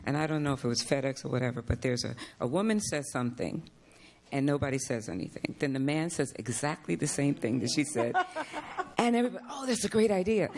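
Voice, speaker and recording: Woman panelist, gravelly voice, animated, quotes others in character. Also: very deep voice, quick pace, a little hiss or hum. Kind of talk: panel discussion.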